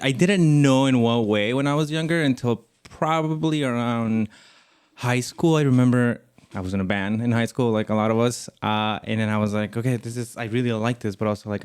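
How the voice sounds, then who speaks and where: A young man from Guatemala, a podcast guest, talking in a relaxed, earnest way with many fillers. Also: medium pitch, clean tone. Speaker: podcast guest, network assistant. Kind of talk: casual interview chat.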